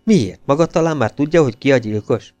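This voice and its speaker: A man reading an audiobook, voicing an excitable male prince who grumbles in agitation. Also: medium pitch, dry recording, soft background music, pitched above the performer's own voice, lightly acted. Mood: agitated.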